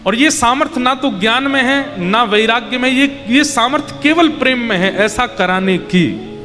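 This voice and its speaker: High-voiced man preaching a devotional sermon. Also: normal speed, big-room sound, soft background music. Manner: acts out child and mother voices in the story, lively. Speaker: Bhagavat katha preacher.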